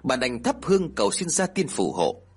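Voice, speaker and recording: A man narrates a ghost story with a husky, slightly breathy voice. His pitch rises and falls a lot, and the telling is dramatic and expressive. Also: moderate pace.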